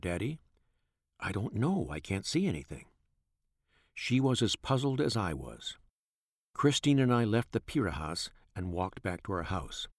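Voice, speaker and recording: Deep-voiced man reading a memoir. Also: no echo, clean studio sound. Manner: measured, reflective. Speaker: narrator. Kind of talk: first-person memoir narration.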